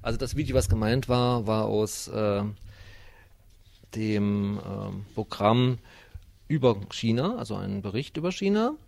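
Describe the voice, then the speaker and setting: A middle-aged man who leads a cultural exchange association, answering interview questions in a measured, explaining way with some hesitations. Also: lowish voice, expressive, gravelly, darkish tone.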